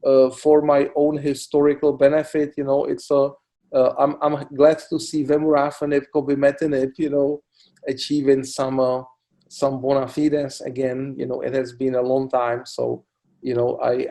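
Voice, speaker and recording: A middle-aged man from the Republic, a cancer doctor answering interview questions in a halting way, full of "you know" fillers. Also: mid-range voice, dark tone. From Czech Republic. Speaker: oncologist guest. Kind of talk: expert interview.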